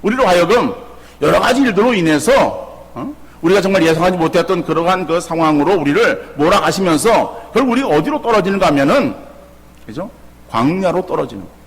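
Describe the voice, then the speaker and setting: A middle-aged man pastor preaching a sermon with lively rhetorical questions. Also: sits high, a little fast, breathy edge, long reverb tail. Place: church sanctuary.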